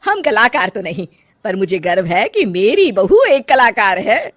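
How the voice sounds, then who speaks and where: A woman voicing a loud, bossy older mother-in-law who gives orders in a dry, close voice. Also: mid-range voice, very animated, a little slow, dry recording. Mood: proud. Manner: loud, commanding, calls out to her daughter-in-law.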